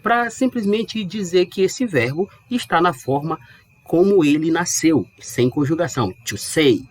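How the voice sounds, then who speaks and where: A man teaching English in a casual, chatty way, slowing down to model pronunciation. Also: a little high. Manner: lively, chatty, stretches English words slowly to model pronunciation. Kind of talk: casual explanatory lesson. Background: dog barking outside.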